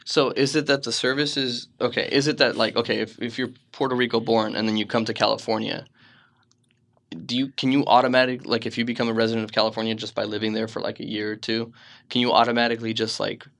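A man's voice: mid-range voice, level tone, quick pace, a bit bright. A man co-hosting a podcast, chatting casually, teasing and asking questions. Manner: teasing, asks questions, laughs easily. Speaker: podcast co-host. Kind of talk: casual chat.

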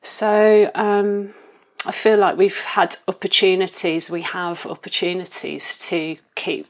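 A woman with a slightly low voice speaks as an interview guest. She is reflective and conversational, often pausing and rephrasing as she thinks her way through what she says. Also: level tone. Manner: thoughtful, hesitant, pausing to reformulate.

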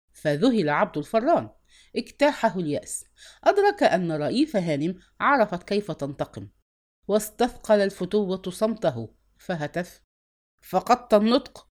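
A woman narrating a literary novel as an audiobook, with expressive, varied intonation. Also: lowish voice.

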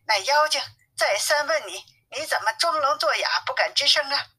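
A woman's voice: sits high, animated, normal speed, sharp tone, pitched above the performer's own voice, rough recording. A woman voicing a brash, teasing male monkey king in a storybook reading, taunting his enemies and grumbling at his helpers. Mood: cheeky.

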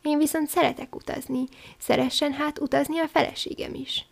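A woman's voice: sits high, fairly even intonation, creaky. Woman voicing a fussy little male swallow. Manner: chatty and blunt. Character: young male swallow, restless, proud, fussy.

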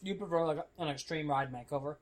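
A man trading quick, sarcastic one-liners in a casual film commentary. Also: on the high side.

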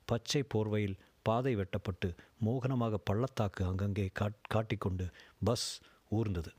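A man reading a short story aloud, measured and descriptive. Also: lowish voice, steady tone, a little mellow, husky, no echo. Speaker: narrator.

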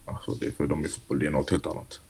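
A young man with a deep, husky voice talks loosely in a casual interview, scattering "you know" through his sentences and slipping into street slang. When he retells a scene from training, his voice climbs and he mimics the shouting, then he settles back into a low, unhurried drawl. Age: young adult. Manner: relaxed, animated when retelling, heavy "du vet" fillers and street slang. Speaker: youth football player, guest.

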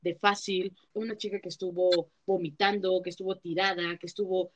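A woman's voice: fairly low pitch, level tone, moderate pace, noisy background. A young woman with a Mexican accent, co-hosting a casual chat and telling stories in a slangy way, full of fillers. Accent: Mexican Spanish. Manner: chatty, slangy storytelling with many fillers. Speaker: podcast co-host.

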